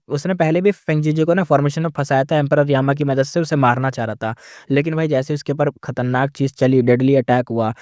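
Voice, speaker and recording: A man's voice: medium pitch, a little mellow, dry recording, clean studio sound. A man casually retelling a fantasy novel's chapters in a chatty recap style, mixing in English terms. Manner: chatty, mixes English terms, says "bhai".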